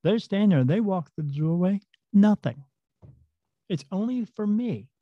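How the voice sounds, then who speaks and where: A man's voice: sits high, lively intonation, a little slow, no room sound, muffled recording. A man telling his own story in a casual, rambling way, full of fillers and restarts. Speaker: storyteller recounting paranormal experiences. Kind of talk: casual first-person storytelling.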